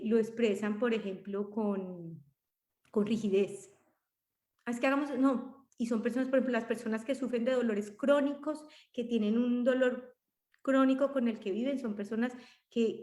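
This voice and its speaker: A woman's voice: medium pitch, mellow. A Colombian woman in her forties, a talkative podcast co-host, reflecting in casual conversation with many restarts. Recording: roomy echo.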